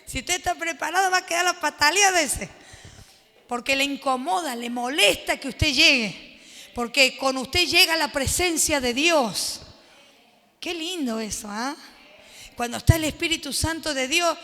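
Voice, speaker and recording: A woman pastor leading an animated Bible study sermon, laughing often and acting out the quotes. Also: high-pitched, normal speed, long reverb tail.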